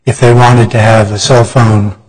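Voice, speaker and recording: A man's voice: fairly low pitch, level tone, moderate pace, darkish tone. A male chief judge asking counsel pointed, skeptical questions. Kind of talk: questioning counsel at oral argument. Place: courtroom. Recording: long reverb of a courtroom.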